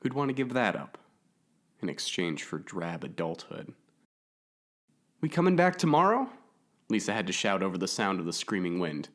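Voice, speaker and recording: A man narrating an audiobook story in a measured, atmospheric way. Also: low voice, animated, fairly bright tone.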